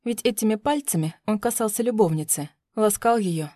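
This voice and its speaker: A woman narrating a first-person audiobook in a calm, even storytelling voice. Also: mid-range voice, moderate pace, no room sound, clean studio sound.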